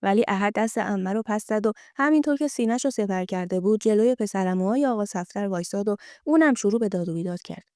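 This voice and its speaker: A woman tells a first-person life story in a smooth, mellow voice that sits a little high. The recording is close and dry, with no room sound. She reads at a steady, gentle pace. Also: hardly any pauses, no echo.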